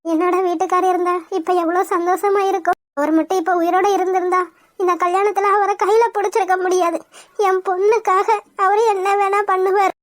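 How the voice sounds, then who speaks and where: A tearful, gentle widowed mother in a cartoon, played by a woman. The voice is extremely high, thin and almost childlike. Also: flat delivery, a little fast, dry recording, clean studio sound. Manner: emotional, gentle. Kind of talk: cartoon voice acting.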